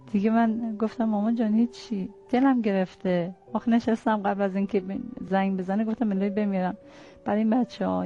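A woman's voice: medium pitch, warm tone. A middle-aged woman, a mother, recalling her son in an earnest, tearful way as she tells the story. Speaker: mother of a fallen soldier. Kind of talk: emotional personal recollection. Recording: muffled lo-fi audio with faint music.

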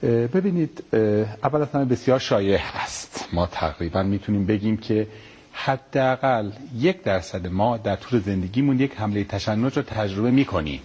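A middle-aged man, a pediatric neurosurgeon, answering interview questions politely and explaining calmly with everyday comparisons. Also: lowish voice, husky.

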